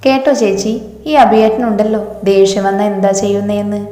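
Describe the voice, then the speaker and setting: A woman's voice: medium pitch, steady tone, fairly quick, dark tone, natural voice. A woman voicing a cheeky, teasing younger sister who talks in a playful, mischievous way. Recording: echoey hall reverb.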